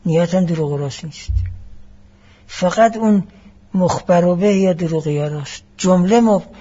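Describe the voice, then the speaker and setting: A man giving a classroom lecture as a seminary teacher, explaining each point deliberately and mixing in Arabic phrases. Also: high voice, warm tone, husky, muffled recording.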